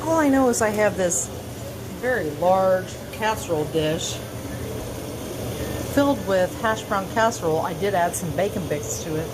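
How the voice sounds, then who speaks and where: A very noisy clip catches a drunk, giggly home cook vlogger narrating in her kitchen with a medium-pitched voice, lively intonation and normal speed. She rambles casually, teases herself and swears as TV background music plays behind her.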